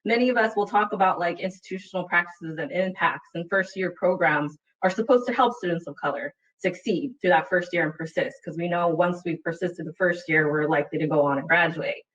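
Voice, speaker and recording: Speaking fairly quickly with hardly any pauses, a woman from Utah, USA, uses a fairly low, fairly bright voice. She's a webinar panelist recounting a personal story in an earnest, reflective way, checking in often with "right?". Her video call computer mic gives a distant, dull webinar sound.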